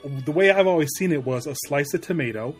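A man co-hosting a podcast, talking in a halting, joking way with many repeated words. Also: fairly high pitch, faint music behind. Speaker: podcast co-host. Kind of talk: casual chat.

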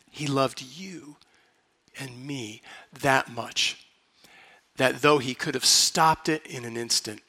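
A man preaching a sermon as pastor, telling the story dramatically and dropping to a hush for emphasis. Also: medium pitch.

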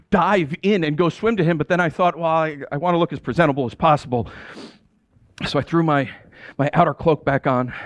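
A man gives a dramatic first-person sermon, speaking as a disciple retelling his own story. His voice sits fairly high and sounds dry and close. He moves from hushed, weary lines to exasperated outbursts. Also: dry recording. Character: the apostle Peter telling his own story. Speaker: pastor.

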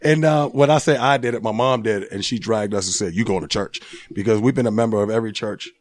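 Gym-owner guest from Liberia, forties, lowish voice, dry close sound, laughs his way through stories. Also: quick pace, no echo. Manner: laughing, animated storyteller. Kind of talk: casual interview.

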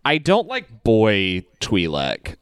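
A man's voice: fairly low pitch, wildly swooping pitch, slow, fairly bright tone, clean tone, dry recording, studio quality. A man chatting casually as a podcast guest, rambling and self-deprecating, and swearing now and then.

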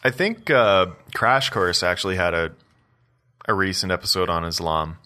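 A man co-hosting a podcast in casual chat, with a wry, joking delivery and quick asides. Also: low-pitched, lively intonation, bright, forceful tone, clear, resonant tone. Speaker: podcast co-host.

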